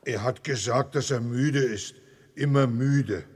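A good-natured talking elephant in an audio drama. He speaks slowly with a slightly husky voice and breaks into elephant trumpeting. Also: medium pitch, a little mellow. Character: kind, friendly talking elephant.

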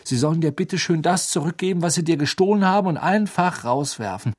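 A man's voice: on the high side, lively intonation, a little fast, pitched above the performer's own voice. A man voicing a blunt, laid-back teenage wizard boy who talks in an offhand, exasperated way in a storybook reading.

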